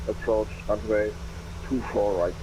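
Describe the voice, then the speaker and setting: A man speaking as an airline pilot over a cockpit headset radio, reading back instructions in brisk, clipped phraseology with the odd small hesitation. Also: lowish voice, fairly even intonation, background noise. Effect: pilot radio readback through a cockpit headset.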